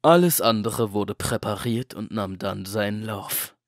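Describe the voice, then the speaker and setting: A man voicing a cold, scheming middleman in a horror audiobook, clipped and commanding with a quiet menace. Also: fairly low pitch, a little slow, dry recording, studio quality. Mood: smug. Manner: clipped, commanding, coolly threatening. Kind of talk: audiobook drama acting.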